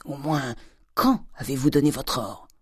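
A reader voicing a domineering, miserly old father who lurches from loud fury to hissed whispers. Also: mid-range voice, measured pace, husky, no echo, studio quality. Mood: furious. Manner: thundering, swinging from shouts to hissed whispers. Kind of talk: audiobook character reading.

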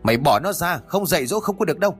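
A bitter older village woman, played by a male narrator, rips into her daughter-in-law with rapid, cutting insults. Her pitch swings sharply as she rages, set against faint background music in a spoken ghost-story reading. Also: expressive, breathy edge. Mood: furious. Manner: shouting insults, scolding fast.

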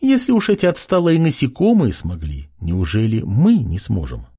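A man voicing a proud warrior woman who speaks haughtily and scornfully, with a lively, husky voice. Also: lowish voice, normal speed, heavily acted.

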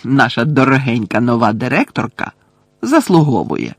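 A man's voice: medium pitch, big pitch swings, normal speed, slightly rough, no echo. A man voicing a mischievous teenage prankster boy with a sly, playful manner.

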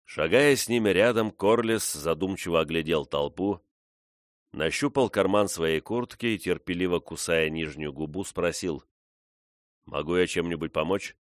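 A man reading a novel aloud in a measured, even way. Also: low-pitched, no room sound, studio quality. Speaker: audiobook reader.

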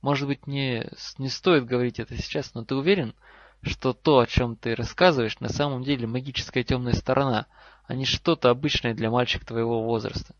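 Мужчина читает за встревоженного отца-профессора, говорит взвешенно и наставительно; запись сухая, немного глуховатая. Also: male voice, medium pitch, fairly quick, dry recording, lightly acted. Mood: reasoning. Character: worried professor father, earnest and firm. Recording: slightly dull lo-fi recording.

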